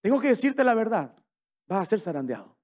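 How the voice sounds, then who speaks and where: Impassioned high-voiced pastor. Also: male voice, big pitch swings, fairly quick. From Paraguay. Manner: impassioned, swings between soft and loud, acts out dialogue. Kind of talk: sermon.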